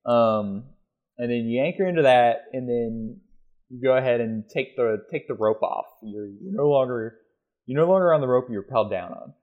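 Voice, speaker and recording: A man as a guest in a casual talk, relaxed and swearing freely as he talks through practical steps one by one. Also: medium pitch, normal speed, narrow, tinny audio. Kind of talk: casual chat.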